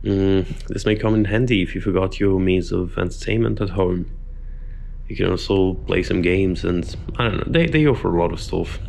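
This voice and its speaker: A man in his thirties filming a casual travel vlog, chatty and relaxed, with self-deprecating asides, recorded on a handheld camera mic. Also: sits low, normal speed, creaky, a little hiss or hum. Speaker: travel vlogger. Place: indoors in a hostel, then outdoors in snowy streets and on a bus.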